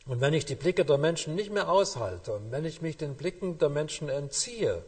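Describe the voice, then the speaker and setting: Guy giving a sermon, kinda husky, slows way down on key lines, big church echo. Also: fairly high pitch, lively intonation. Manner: emphatic, slow weighty phrasing with hushed endings. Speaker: preacher. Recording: long hall reverb.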